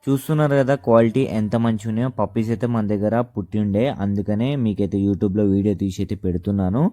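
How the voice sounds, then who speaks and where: Casual seller host, talks quickly, dark timbre. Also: male voice, lowish voice, fairly even intonation, dry recording, clean studio sound. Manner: rapid chatty delivery, repeats filler words. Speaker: dog seller, channel host. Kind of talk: casual sales pitch to camera.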